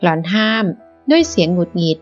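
A woman narrating a romance novel as an audiobook, in a measured storytelling manner. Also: fairly low pitch, big pitch swings, lo-fi sound, soft background music.

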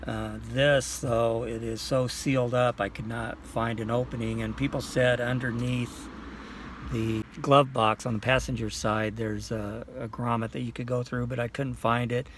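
A flat-voiced middle-aged vlogger with a medium pitch explains a car install in a casual how-to. He's plain and unhurried, using fillers as he covers each step. Filmed on a close-held phone camera inside a small car and outdoors beside it in a tree-lined lot, with slight background noise.

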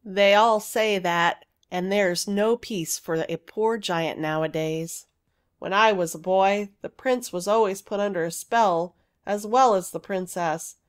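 Woman putting on a huge grumbling storybook giant, booming, slow, sighing. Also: clean tone, close to an everyday voice. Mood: weary.

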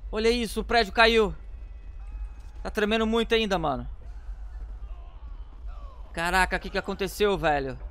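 A man giving frantic let's-play commentary, yelling commands at the game. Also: sits high, clean tone. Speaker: gaming YouTuber.

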